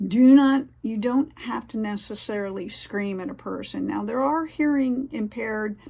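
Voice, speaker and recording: A woman's voice: a little high, measured pace, creaky, warm tone. A woman giving casual, earnest advice to the camera, rambling a little with fillers and restarts. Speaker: vlogger sharing tips.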